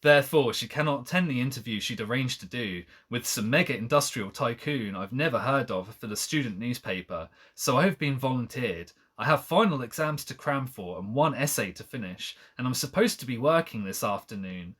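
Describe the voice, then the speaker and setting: A man's voice: medium pitch, animated, a little fast, hardly any pauses, a bit bright, breathy edge. A man reading a novel aloud on a live stream, breaking off to mock the text with sarcastic asides and frequent laughter.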